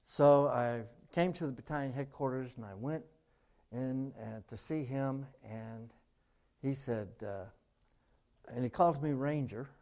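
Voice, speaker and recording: A man's voice: mid-range voice, a little slow, warm tone. A man and military veteran telling a joke and a story at a forum, in a folksy way with frequent hesitations. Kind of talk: storytelling talk with jokes.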